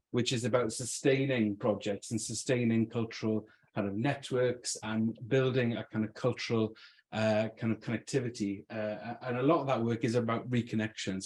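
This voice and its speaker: A man's voice: mid-range voice, a little mellow. Swansea-accented man giving an informal talk. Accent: Swansea Welsh. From Swansea, South Wales. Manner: conversational, thinking aloud. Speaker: invited speaker, arts practitioner.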